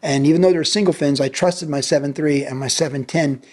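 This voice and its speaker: An American man in his sixties, once a pro surfer and now a pastor, appears as a podcast guest and tells a vivid, animated story, repeating lines for emphasis. His voice is a little high, fairly quick, and darkish in tone.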